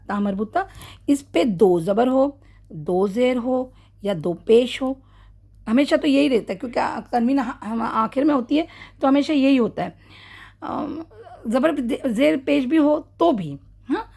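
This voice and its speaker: Her voice is high-pitched, a little mellow and slightly rough as she teaches the rules of Quran recitation in a casual online class. She breaks things down step by step, keeps checking on her students, fixes her own mistakes, and demonstrates example words slowly, stretching them out.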